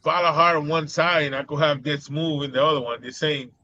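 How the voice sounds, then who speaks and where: A man's voice: fairly high pitch, steady tone, a little fast, bright, forceful tone, lo-fi sound, slight background noise. A man with a Boston accent hosting a casual live show, rambling with many fillers and laughing often. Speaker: host.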